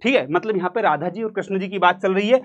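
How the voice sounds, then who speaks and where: High-voiced playful Hindi teacher. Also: male voice, fast, highs cut off. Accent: central Indian Hindi. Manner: playful, jokey, acts out quotes and sings snippets. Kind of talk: energetic exam-prep lesson.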